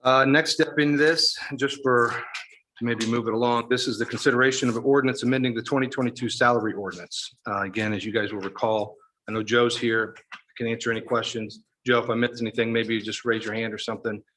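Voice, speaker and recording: Man, council chair, runs through votes at auctioneer speed; bright tone, light room noise. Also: mid-range voice, fairly even intonation, low-quality recording. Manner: rapid procedural motions and vote calls. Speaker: council president chairing a meeting. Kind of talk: chairing a town council meeting.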